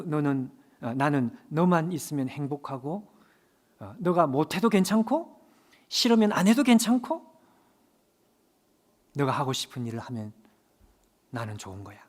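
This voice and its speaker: Guy preaching, doing a soft whispery god voice, gentle and loving, low and hushed, rises and falls a lot. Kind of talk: sermon storytelling.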